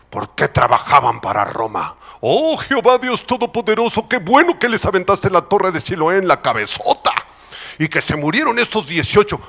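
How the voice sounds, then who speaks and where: A man's voice: mid-range voice, a bit bright, pitched below the performer's own voice. A man voicing a smug, self-righteous male zealot who prays aloud and gloats. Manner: mocking, gloating prayer.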